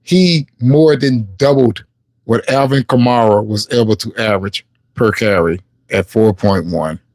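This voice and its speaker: A man's voice: fairly low pitch, unhurried, a little mellow, dry recording. A man hosting a casual sports live stream. He reads game stats aloud and chats with viewers. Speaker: sports livestream host.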